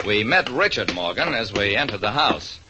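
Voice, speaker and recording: In a noisy vintage radio recording, an actor narrates his case as a wry private detective in the style of 1940s radio drama. His low voice moves at a normal speed with big swings in pitch, giving the narration a dramatic feel.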